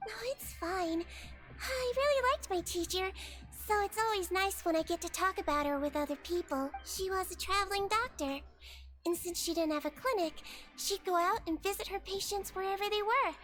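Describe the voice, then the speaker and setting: A woman voicing a small, gentle, matter-of-fact female nurse creature with a childlike voice in a video game. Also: extremely high pitch, normal speed, soft background music. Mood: fond. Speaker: doctor.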